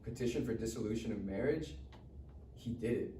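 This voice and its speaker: At a live table read in a room, a man plays a cocky, bitter, foul-mouthed rich schoolboy who is sarcastic and wisecracking. His medium-pitched voice is fairly quick and mellow, close to how he'd normally talk, picked up by a distant mic in an echoey room with faint noise.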